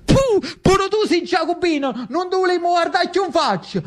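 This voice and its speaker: A storyteller voicing furious, ancient churchwomen who spit out curses in a high, shrill voice. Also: lively intonation, normal speed. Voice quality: high, shrill spitting outburst.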